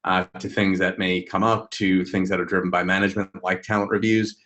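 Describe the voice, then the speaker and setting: A man with a very low voice co-hosts a live webinar. He explains ideas in a measured, thoughtful way over a video call. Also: little pitch movement, fairly bright tone. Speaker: webinar co-host.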